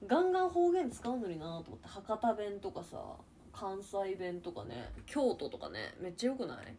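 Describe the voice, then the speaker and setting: A young woman in her twenties from Niigata, Japan, hosting a casual livestream chat and answering viewers with quick reactions and frequent laughter. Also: medium pitch, sing-song, dark tone, slight background noise. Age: 20s. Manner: chatty, reacts to comments, laughs often. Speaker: livestream host chatting with viewers.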